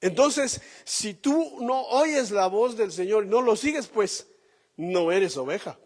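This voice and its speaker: A male pastor preaches slowly and emphatically, pausing on rhetorical questions to the congregation. His voice sits high and swings widely in pitch. The sound carries a long hall reverb. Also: animated. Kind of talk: sermon.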